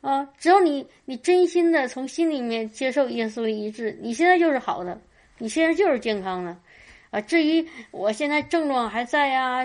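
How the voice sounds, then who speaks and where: Woman, lay preacher, testimony sermon, fervent, repeats words, fairly high-pitched. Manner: fervent, often exclaims hallelujah; stammers and repeats words while talking. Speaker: lay preacher sharing at a church meeting.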